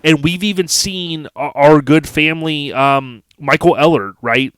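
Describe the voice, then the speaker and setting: Addressing listeners directly, an enthusiastic podcast host from the United States chats casually. His voice is a little high, smooth, and fairly bright, delivered at a measured pace with no room sound.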